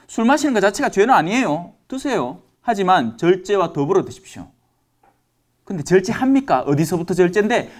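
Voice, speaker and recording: Lively joking priest. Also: male voice, high voice. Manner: lively, joking, asks the audience questions. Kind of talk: lecture sermon to elderly parishioners.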